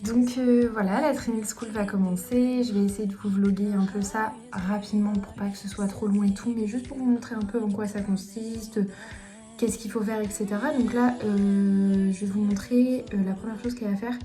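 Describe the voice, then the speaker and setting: A woman's voice: mid-range voice, steady tone, normal speed, dark tone, soft background music. A young woman vlogging in a casual, chatty way, rambling and poking fun at herself, recorded on a phone camera. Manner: chatty, self-deprecating, rambling. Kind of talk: casual vlog chat.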